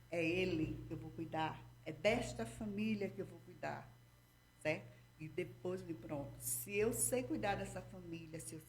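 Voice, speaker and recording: Speaking Brazilian Portuguese in a lowish voice, this guest therapist explains things patiently and didactically during an interview, and a slight hiss or hum runs underneath. She keeps checking in with her listener, sprinkling in "tá?" and "entendeu?" again and again.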